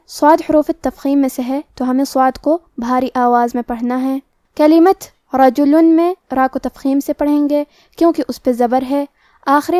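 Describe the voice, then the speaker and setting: A woman teaching a recitation lesson, explaining each rule and then reciting the words slowly and drawn out. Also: sits high, warm tone, no room sound, studio quality. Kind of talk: tajweed lesson.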